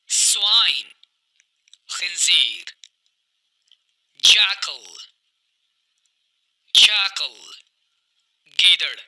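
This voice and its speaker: Slow, bright-voiced male language teacher. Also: high-pitched. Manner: slow and deliberate, addresses viewers as friends. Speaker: English teacher. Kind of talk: vocabulary lesson, repeating words slowly.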